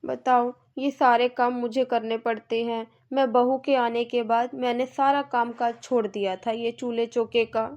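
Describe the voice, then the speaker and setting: A woman's voice: fairly high pitch, little pitch movement, measured pace, hardly any pauses, darkish tone, highs cut off, close to an everyday voice. A woman voicing a bossy, complaining middle-aged mother-in-law in a cartoon, nagging and scolding.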